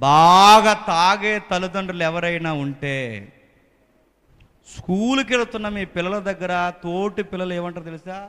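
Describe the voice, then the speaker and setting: A man preaching as a pastor in a fervent sermon, swinging between loud exhortation and hushed pleading into a microphone. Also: sits high, normal speed, clean tone, big-room sound.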